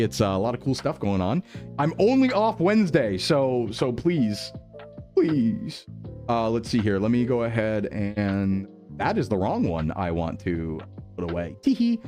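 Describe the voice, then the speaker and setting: A man's voice: mid-range voice, a little mellow. Playful man on livestream headset audio. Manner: playful, jokey, laughing often. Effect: livestream headset mic audio. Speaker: VTuber streamer. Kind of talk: casual livestream chat with viewers.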